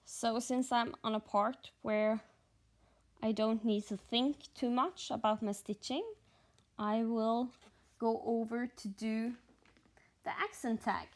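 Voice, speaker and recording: Norwegian woman, Norwegian accent, very slow, fairly high voice, methodical, sleepy. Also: level tone. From Norway. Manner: unhurried, methodical, pauses between words while stitching. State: sleepy, only a few hours of sleep. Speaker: cross-stitch vlogger. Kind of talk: slow stitch-along commentary.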